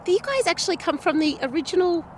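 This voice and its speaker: A woman's voice: very high voice, lively intonation, quick pace, a little mellow, a little hiss or hum. Australian woman hosting a wine travel podcast. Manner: friendly, conversational travel narration. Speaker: podcast host. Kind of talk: scripted narration and casual interview.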